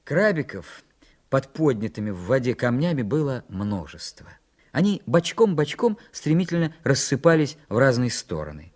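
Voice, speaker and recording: A male narrator with a medium-pitched voice reads a children's story aloud at a moderate pace, in an expressive storytelling style.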